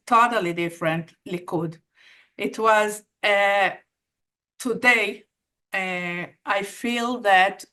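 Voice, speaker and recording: A woman hosts an evening event, introducing each speaker in turn. She talks very slowly and halts often, with fillers and pauses between short phrases. Her pitch sits in the middle range. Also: a bit bright. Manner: halting, with many pauses and fillers. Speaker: host.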